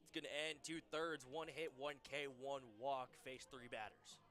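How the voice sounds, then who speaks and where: A young man in his twenties calling a college baseball game live on radio, giving brisk pitch-by-pitch calls that lift on big plays. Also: steady tone, a bit bright, soft background music. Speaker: play-by-play announcer.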